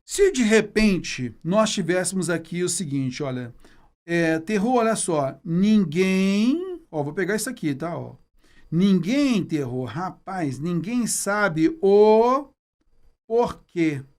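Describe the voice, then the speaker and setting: A man talks through a grammar lesson as a casual, folksy teacher. His pitch swings all over the place, rising and dipping on almost every phrase. He keeps checking in with the viewer as he goes. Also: big pitch swings, slow, darkish tone. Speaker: Portuguese teacher.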